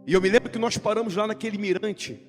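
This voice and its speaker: High-voiced preacher man. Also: steady tone, fast talker. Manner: dramatic preaching, swinging between loud, high sung phrases and hushed low storytelling. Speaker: pastor. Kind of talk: sermon. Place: church sanctuary. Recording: long church-hall reverb with music behind.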